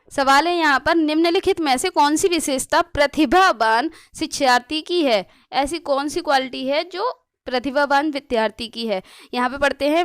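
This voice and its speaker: A woman's voice: high voice, dry recording, clean studio sound. A woman teaching exam prep, reading each option aloud and then restating it in simple words, often stopping to restart a word. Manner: self-correcting, restarting words. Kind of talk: explanatory lesson.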